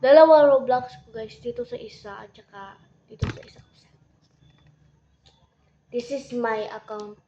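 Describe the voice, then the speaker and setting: A woman's voice: a little high, a little slow, long pauses, warm tone, dull audio. A woman chatting casually to camera, rambling and giggling, mixing in English phrases. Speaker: vlogger.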